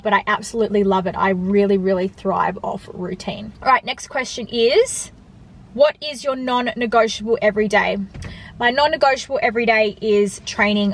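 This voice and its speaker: A woman talking casually and emphatically to viewers in a vlog style while she eats. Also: mid-range voice. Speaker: online fitness coach and vlogger. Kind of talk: casual chat to viewers, mukbang Q&A.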